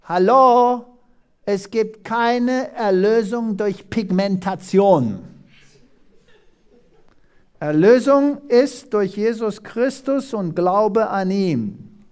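Animated preacher from South Africa. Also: drawn-out words, smooth. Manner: dramatic, rhetorical questions, sweeping pitch swings. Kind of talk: animated sermon with Bible reading.

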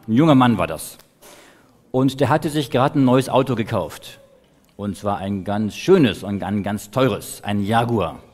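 A man telling a story to children during a church service, in a lively, animated way. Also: mid-range voice.

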